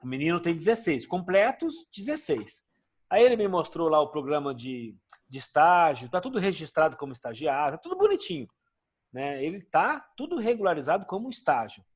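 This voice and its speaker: A man with a Brazilian Portuguese accent teaches a class in a chatty, questioning way. His fairly high voice rises and falls a lot as he explains. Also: sing-song, fairly quick, husky. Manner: conversational, asks students questions. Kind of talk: classroom lecture.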